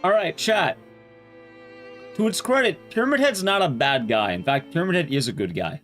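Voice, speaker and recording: While gaming on a livestream, this speedrunner talks casually to his audience at a moderate pace. His voice is a little high, fairly bright and expressive, with faint music in the background.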